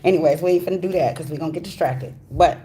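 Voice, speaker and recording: A woman with a low, mellow voice speaks with the slight impediment of wearing braces. She hosts a tarot reading informally, addressing viewers directly in a folksy, chatty way. There is faint noise in the recording. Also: rapid-fire. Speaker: tarot reader, host of a live reading.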